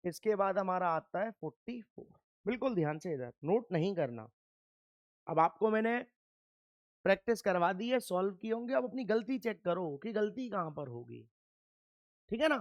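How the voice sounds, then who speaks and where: A man's voice: sits high, expressive, moderate pace, dry recording, lo-fi sound. Dry, drilling male chemistry teacher. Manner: quizzes the viewer with repeated questions and answers them himself; firm, scolding reminders to pay attention. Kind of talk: classroom lecture.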